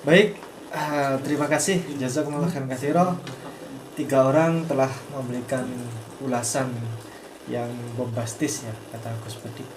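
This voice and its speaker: A moderator hosting a religious discussion event, pausing often with "eh" fillers. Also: mid-range voice. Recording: echoey, noisy hall.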